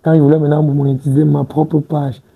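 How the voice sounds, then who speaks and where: A man in his twenties, a guest on a TV studio set, speaks casually and hesitantly, restarting words and often tossing in "tu vois un peu". His voice is a little high, level, fairly quick, creaky and husky, with phone-quality sound.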